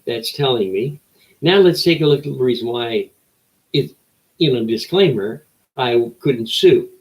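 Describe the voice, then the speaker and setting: A man's voice: mid-range voice, rough recording. An older man delivering a rambling opinion monologue as an old man's folksy rant, with rhetorical questions and short emphatic phrases. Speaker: show host.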